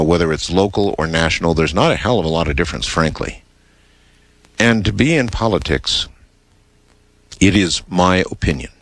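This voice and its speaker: Smooth radio host, male, low voice, dry close-mic sound, easygoing call-in manner. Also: no echo. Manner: smooth radio host delivery, relaxed and conversational.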